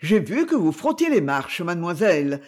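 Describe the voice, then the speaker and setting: Un homme jouant une femme de ménage à la voix rauque. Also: male voice, high-pitched, big pitch swings, moderate pace. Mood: hoarse, pleading. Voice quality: raspy. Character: shabby, hoarse charwoman, bold and defiant.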